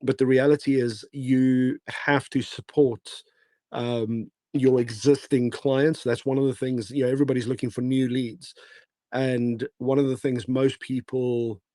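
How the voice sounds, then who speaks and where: A man with a hoarse, failing voice giving casual, rambling advice as a guest in a live online audio room, with many fillers and restarts. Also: mid-range voice, little pitch movement, a little slow, dark tone, no echo. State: hoarse, losing his voice. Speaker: guest speaker.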